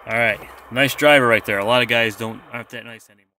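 This American vlogger, once a truck driver, shows off gear in a rambling, self-deprecating product showcase, talking inside a parked vehicle before stepping outdoors next to it. He speaks at a quick pace in a medium pitch, his tone steady, bright and forceful.

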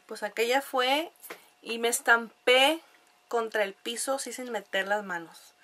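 A woman's voice: a little high, a little slow, pushed and bright, a little hiss or hum. A young Mexican woman with a nasal voice, chatting casually to camera at home, laughing often and using lots of fillers. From La Paz, Mexico. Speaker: vlogger.

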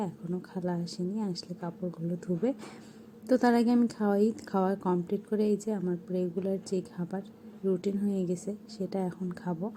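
A young woman narrating her home vlog in a soft, hushed voice-over. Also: on the low side, slight background noise. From Bangladesh. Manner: soft, hushed talk so a sleeping child stays asleep. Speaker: vlogger.

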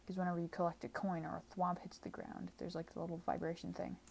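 A woman's voice: on the low side, monotone, fast talker, gravelly, a little mellow, slight background noise. A woman doing casual gameplay commentary at home, always sounding tired, offhand and rambling. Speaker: gaming channel creator. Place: home room. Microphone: desk microphone.

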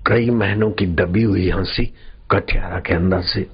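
A man giving a sermon, telling a religious story in slow, drawn-out phrases with dramatic pauses. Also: low voice, steady tone, breathy edge. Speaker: spiritual preacher. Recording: dull lo-fi recording, faint background noise.

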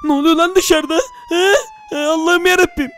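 A man's voice: very high-pitched, steady tone, normal speed, a bit bright, a little hiss or hum. A man narrating a comic game role-play in a dramatic, exclaiming way.

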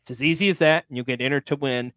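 A man's voice: mid-range voice, quick pace, sharp tone, smooth, dry recording, studio quality. A man co-hosting a casual wrestling podcast, talking upbeat to viewers about a giveaway. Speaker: podcast co-host. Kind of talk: casual chat.

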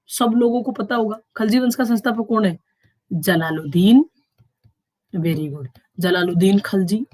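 A woman teacher giving an online exam-prep history lecture, quizzing her class with rhetorical questions, lifting her pitch on each question and slowing down to stress key terms. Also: a little mellow, dry recording.

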